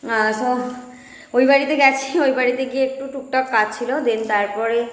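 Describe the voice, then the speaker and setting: A woman's voice: fairly high pitch, fairly even intonation, moderate pace. A young woman, chatting casually through a home vlog as a lifestyle vlogger. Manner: chatty, rambling running commentary. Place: at home, indoors. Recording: echoey room with background noise.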